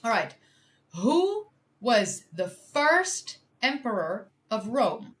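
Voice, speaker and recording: A woman from the Netherlands, speaking English as a second language, talks through a quiz on a live stream. Her voice sits slightly high and swings widely in pitch, and she speaks slowly. She thinks out loud, teases herself and laughs easily. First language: Dutch. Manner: thinks aloud, chatty and self-deprecating, laughs often. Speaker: streamer doing a history quiz. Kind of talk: casual live-stream chat.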